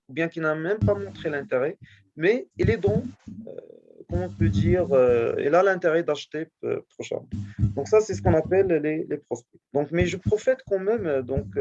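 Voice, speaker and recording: A male teacher going over a test in class, speaking haltingly and often checking that his students follow. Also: a little high, darkish tone, muffled recording. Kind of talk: classroom lesson correcting a test.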